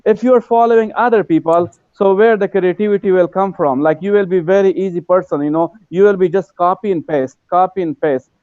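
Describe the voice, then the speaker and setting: A man from Afghanistan, a university lecturer, speaking earnestly and politely in a casual online class, halting with many fillers. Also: sits high, smooth, no room sound. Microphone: video call. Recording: dull, dry online call audio.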